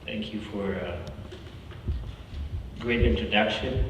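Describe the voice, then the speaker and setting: Man from South Sudan, deep-ish voice, earnest halting campus talk, far off in a long-reverb hall. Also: steady tone, noisy background. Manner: earnest, halting, with restarts and exclamations of "wow". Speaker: guest speaker. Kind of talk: campus talk with prayer and personal story. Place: large hall.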